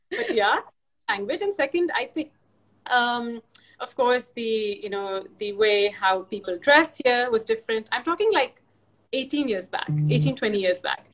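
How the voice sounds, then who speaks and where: A Pakistani fashion designer is a guest on a casual video-call interview, chatting animatedly, laughing often and restarting her sentences. Her voice is on the high side, a little slow and fairly bright. The recording is low quality.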